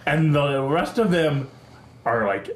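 A man in casual movie chat, playful and jokey, slipping into quick character voices. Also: a little high, lively intonation, reverberant, a little hiss or hum.

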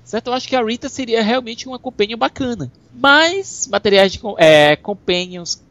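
A woman's voice: a little high, lively intonation, normal speed, fairly bright tone, no room sound. A woman co-hosting a podcast, casually recapping TV episodes with restarts and laughs. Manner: summarizing plot with laughs and restarts. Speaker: podcast co-host. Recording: dull dry recording.

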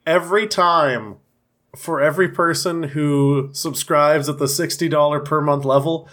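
A man's voice: on the high side, fairly even intonation, unhurried, a bit bright. Dry-joking young man, voice worn. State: recovering from laryngitis, voice worn. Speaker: podcast co-host. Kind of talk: casual comedic chat.

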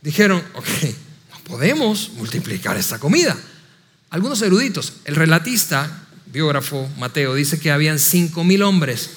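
A man with a high voice preaches an animated sermon, voicing doubting listeners in quick asides. His voice carries a long hall reverb. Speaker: pastor.

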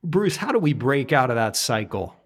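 A man's voice: medium pitch, sing-song, normal speed. Male interviewer asking long questions. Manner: poses long, searching questions. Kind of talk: podcast interview.

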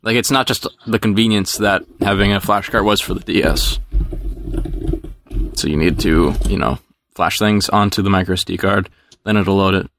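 A man hosting a casual podcast, explaining things quickly and teasing the others. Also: low-pitched, gravelly, noisy background.

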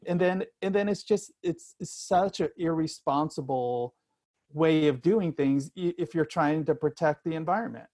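Middle-aged man, low-pitched conversational storyteller. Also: darkish tone, no room sound, studio quality. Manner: halting, repeats and restarts phrases often. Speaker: interview guest. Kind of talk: candid conversational interview, personal storytelling.

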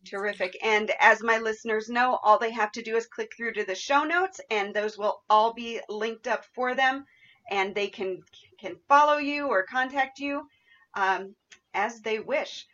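A woman's voice: a little high, measured pace, a bit bright, lo-fi sound. A woman hosting a podcast interview in a conversational, effusive and appreciative way. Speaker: podcast host.

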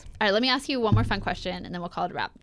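A young woman with a Southern US accent, hosting a casual church-team podcast interview, chatty and quick to laugh. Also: mid-range voice, noisy background. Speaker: podcast host.

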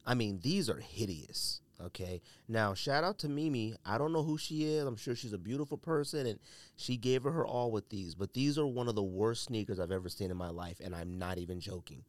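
In a dry recording, a low-leaning male voice comes across animated and brisk. The podcast host, coughing and sneezing because he's a bit ill, speaks casually but bluntly and emphatically, hammering his opinions through repetition.

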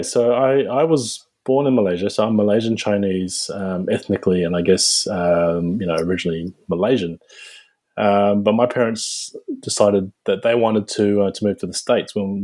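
Husky guy in his 40s, kinda low voice, reflective, lots of restarts, guest on a dental podcast. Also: warm tone. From New Zealand. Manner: reflective, halting, frequent restarts. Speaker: guest dentist. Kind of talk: conversational interview answers.

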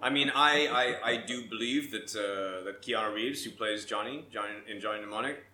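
A man co-hosting a loose podcast chat, his voice very bright and cutting. He is enthusiastic, swears freely and giggles often. His voice carries a roomy echo. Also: lowish voice, fairly quick. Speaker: podcast co-host.

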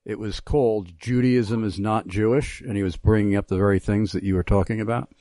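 A man's voice: on the low side, fairly quick, no echo. Guy hosting a call-in radio show, dry studio mic, easygoing with lots of uhs. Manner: relaxed, spells things out, many uh fillers. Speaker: radio talk show host.

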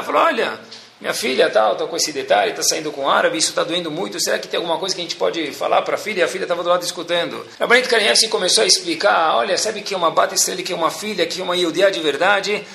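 Animated man teaching a Torah lesson. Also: high-pitched, vocal fry. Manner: animated storyteller acting out quotes. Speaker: religious teacher.

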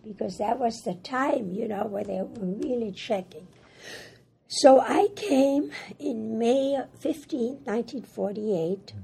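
Older woman, German native speaker, interview testimony; hoarse, husky, slightly high voice, unhurried. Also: mellow. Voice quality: raspy, hoarse voice. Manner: halting, plain-spoken, repeats words. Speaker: Holocaust survivor interviewee. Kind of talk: oral history interview.

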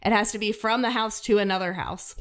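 A woman's voice: medium pitch, clean tone. Chatty woman co-hosting a podcast. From United States. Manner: chatty, quick reactions and giggly agreement. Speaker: podcast co-host, real estate agent. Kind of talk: casual chat.

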